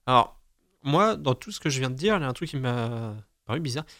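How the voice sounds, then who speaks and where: A man's voice: medium pitch, lively intonation, fairly quick, a bit bright, no echo, clean studio sound. A young man hosting a casual reading of the day's almanac, chatty and self-mocking, often stumbling over his words. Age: young adult. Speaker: host.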